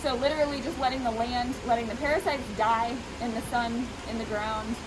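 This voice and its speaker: Higher-voiced woman talking through a face mask, noisy. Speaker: veterinary professional treating goats. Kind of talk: casual explanatory talk to camera. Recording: noisy, steady rushing background hiss.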